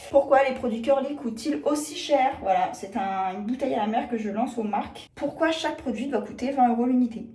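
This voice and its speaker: A woman's voice: fairly high pitch, brisk, hardly any pauses, dark tone. A young woman chatting casually in a vlog, self-mocking and trailing off into hesitant asides, recorded on a phone held at arm's length. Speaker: vlogger. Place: apartment rooms and city streets. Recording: echoey phone audio with faint hum.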